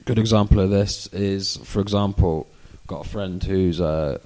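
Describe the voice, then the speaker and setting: Warm and low, a little slow, this British man co-hosts a podcast in a rambling, casual way, explaining topics in what he calls his chavvy accent. He leans heavily on "you know" throughout the informal educational chat.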